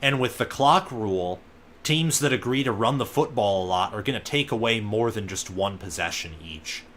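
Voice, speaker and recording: Young male host, casual live sports reaction, laid-back and chatty, slightly low pitch. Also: moderate pace, a little hiss or hum. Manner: relaxed, thinking aloud with fillers and asides. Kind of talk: casual live game commentary.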